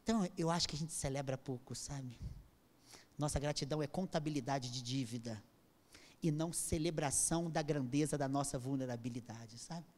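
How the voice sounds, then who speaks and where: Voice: mid-range voice, moderate pace, a little mellow. Lecturer, thoughtful storytelling talk, acts out the dialogue, echoey lecture hall.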